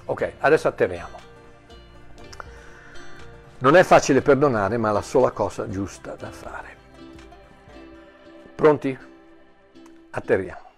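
A man preaching a sermon in an animated way, often repeating and restarting words, with jokey asides. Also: medium pitch, unhurried, pauses often, soft background music.

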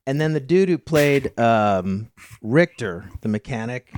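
An American man hosting a casual movie-review podcast, chatty and quick to laugh, often restarting his sentences. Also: mid-range voice, animated, darkish tone, slight background noise. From United States. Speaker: podcast host.

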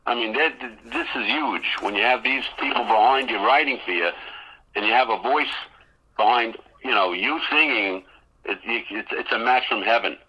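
A man's voice: mid-range voice, moderate pace, slightly rough, lo-fi sound. A man co-hosting a radio show as a DJ, rattling off music facts in casual chat and restarting his sentences often. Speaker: guest co-host DJ.

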